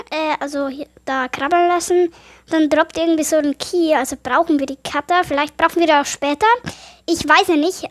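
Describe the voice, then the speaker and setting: Gaming streamer woman, high voice, slightly sick, excitable horror let's play commentary. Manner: excitable, easily startled, chatty. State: a little sick, voice affected. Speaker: gaming YouTuber.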